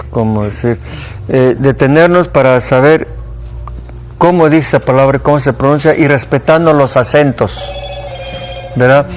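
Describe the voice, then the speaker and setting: Mexican man teaching a Bible class. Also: a little high. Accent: Mexican Spanish. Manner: conversational, asks the class questions, repeats for emphasis. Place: church classroom.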